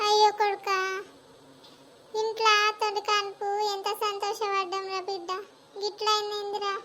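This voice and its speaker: A woman playing a shrill scheming village mother-in-law. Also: level tone, normal speed, slight background noise. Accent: Telangana Telugu. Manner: loud, scolding and complaining. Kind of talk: village comedy skit acting.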